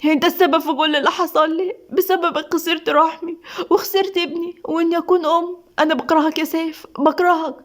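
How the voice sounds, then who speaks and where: Woman narrator doing a furious young Egyptian wife: piercing high voice, fast and tearful. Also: fairly even intonation. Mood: anguished, furious. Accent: Egyptian Arabic. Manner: shrill, tearful accusations.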